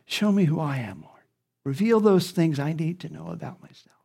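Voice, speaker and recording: A man's voice: fairly high pitch, animated, normal speed, vocal fry, mellow, slightly rough. A man preaching a sermon, speaking earnestly and repeating key phrases for emphasis.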